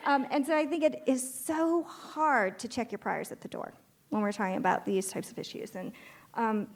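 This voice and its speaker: A woman's voice: on the high side, fairly even intonation, normal speed. A woman speaking as a panelist at a live podcast taping, making her point emphatically through rhetorical questions and frequent fillers. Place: conference stage before an audience.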